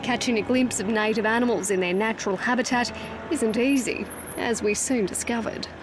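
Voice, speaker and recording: A woman's voice: a little high, normal speed, background noise. An Australian woman narrating a scripted television news feature as a reporter. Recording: music under the voice. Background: music.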